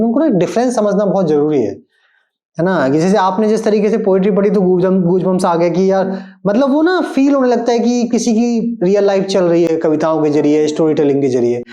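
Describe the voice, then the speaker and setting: Male host asking long winding questions, mellow voice, roomy echo. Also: sits high. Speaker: interview host. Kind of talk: interview conversation.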